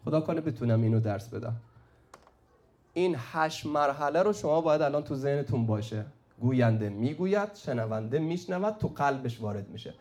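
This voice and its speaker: A man's voice: medium pitch, expressive, a little mellow. A man teaching a classroom lesson at the board, often prompting students to call out the answer. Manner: prompts the class with "say it" and quizzes them. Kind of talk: classroom lecture at a whiteboard.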